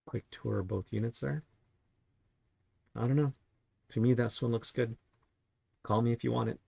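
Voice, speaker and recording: A man's voice: medium pitch, fairly even intonation, moderate pace, creaky, warm tone, husky, dry recording. A man working as a real estate agent, casually talking through property listings in a chatty way and tossing out rhetorical questions. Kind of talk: casual market review while browsing listings.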